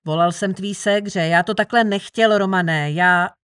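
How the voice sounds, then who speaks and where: A woman's voice: medium pitch, a bit bright, clear, resonant tone, close to an everyday voice. A woman reading as a pleading tall man. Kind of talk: audiobook reading.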